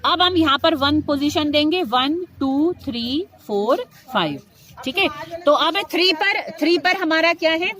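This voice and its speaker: High-voiced woman teaching chemistry. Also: animated, a little slow, fairly bright tone. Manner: addresses students affectionately, asks and answers her own questions. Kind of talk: classroom lecture.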